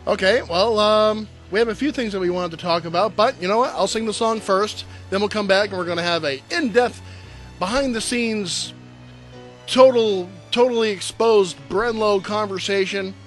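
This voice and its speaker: Hosting a live internet show, a man chats casually between songs, rambling, joking, and breaking into laughs and impressions. His voice is high and his speed normal, with faint music playing behind him.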